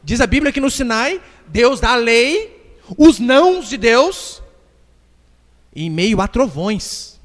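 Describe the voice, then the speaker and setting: Emphatic Brazilian pastor, high lively voice. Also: male voice, slow. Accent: Brazilian Portuguese. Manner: emphatic, acts out dialogues. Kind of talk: sermon. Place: church hall. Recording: reverberant church hall.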